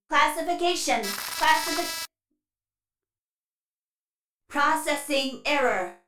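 Woman voicing a glitching robot system voice. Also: sits high. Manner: flat commands broken by error loops and stutters. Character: glitching female robot system voice, cold and mechanical. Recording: echoey distant voice over music.

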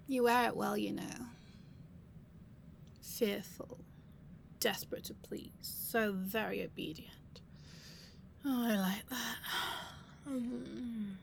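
Seductive female bank robber played by a woman, ASMR role-play as intimate pillow talk: very slow, breathy, commanding, with a creaky edge. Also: a little high, a little hiss or hum. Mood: teasing, conspiratorial. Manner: breathy, sultry, lingering pauses, sighs and murmurs.

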